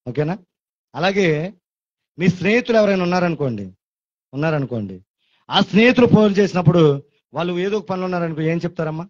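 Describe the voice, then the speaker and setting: A male pastor with a Telugu accent preaching a fervent sermon, with his voice climbing into shouted praise. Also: high voice, lively intonation, fast, long pauses, no echo. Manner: fervent, rising to shouted hallelujahs and quoted pleas. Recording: muffled lo-fi sound, dry.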